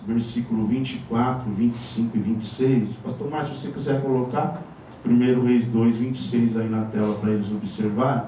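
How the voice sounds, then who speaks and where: A man's voice: mid-range voice, mellow, slight background noise. A male pastor from Brazil preaching a sermon in a conversational way, with wry asides and chuckles, in a church. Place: church sanctuary. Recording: echoey church hall from far off.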